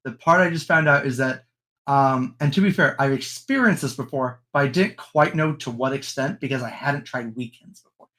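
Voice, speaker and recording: A young American man co-hosts a podcast in casual chat, giving opinions in a rambling way with frequent ums and restarts. His mid-range voice is a bit bright and he talks at a normal speed.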